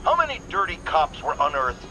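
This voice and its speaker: An actor playing J. Jonah Jameson, a blustering, self-righteous, paranoid talk radio host with a pompous, emphatic delivery. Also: male voice, fairly high pitch, huge pitch swings, fairly quick, pushed and bright, slight background noise, exaggerated voice, low-quality recording. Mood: brisk bluster. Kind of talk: opinionated talk radio rant.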